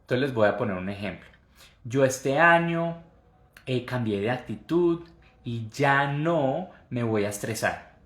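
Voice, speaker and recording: A man giving a live online English lesson, who explains patiently and repeats example phrases slowly. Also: medium pitch, expressive, reverberant. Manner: switches between Spanish and drilled English phrases. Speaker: English teacher.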